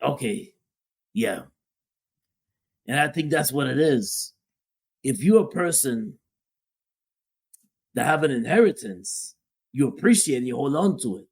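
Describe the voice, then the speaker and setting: His mid-range voice is husky and creaky, very animated yet unhurried, with long pauses. The man co-hosts a podcast, casually offering opinions about relationships and repeating phrases to emphasize them. His family is from Guyana.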